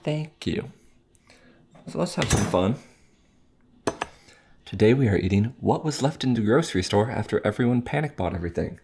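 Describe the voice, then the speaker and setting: A man's voice: on the low side, lively intonation, normal speed, pauses often, darkish tone, a little hiss or hum. A man hosting a home eating video, chatting casually and joking in rambling asides. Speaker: mukbang host. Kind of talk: casual chat while eating on camera.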